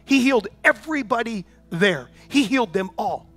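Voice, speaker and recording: A man preaching as a pastor, talking conversationally with repeated rhetorical questions and building to loud proclamations. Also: high-pitched, expressive, normal speed, soft background music. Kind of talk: sermon.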